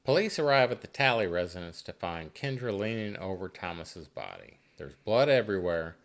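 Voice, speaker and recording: Deep-voiced man with dry teasing banter. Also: very animated, moderate pace. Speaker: podcast co-host. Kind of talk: casual true-crime chat.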